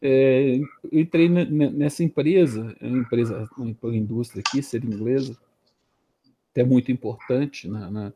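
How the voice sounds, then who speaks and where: A man's voice: mid-range voice, normal speed, mellow, a little hiss or hum. A man in his late forties with a Brazilian Portuguese accent, casually telling his career story as an interview guest, hesitating and repeating words as he thinks. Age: late 40s.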